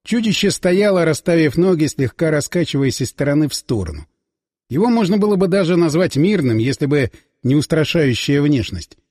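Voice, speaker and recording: A man reading first-person audiobook narration with lively storytelling delivery. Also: a little high, a little fast, no room sound, clean studio sound, long reverb tail.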